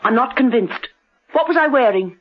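An actress playing a brisk, wary, spirited woman secret agent in a radio drama, on a lo-fi recording. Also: on the high side, animated, slightly rough. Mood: wary, challenging.

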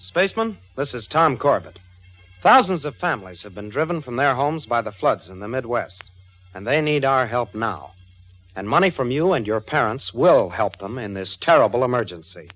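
A man's voice: big pitch swings, normal speed, breathy edge, faint music behind. An actor playing an earnest, confident young male space cadet leader in a 1950s radio adventure serial. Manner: earnest, assured. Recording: muffled old radio broadcast, background rumble.

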